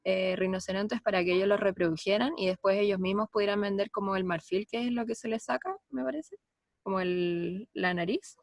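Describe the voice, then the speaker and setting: A woman's voice: mid-range voice, fairly quick, no echo. A young woman, a student making an informal comment in a class discussion.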